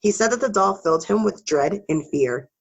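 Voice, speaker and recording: A woman's voice: mid-range voice, lively intonation, moderate pace, slightly rough, dull audio. Woman casually telling spooky stories. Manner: casual, swears, laughs between story beats. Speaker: podcast co-host. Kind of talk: casual storytelling podcast chat.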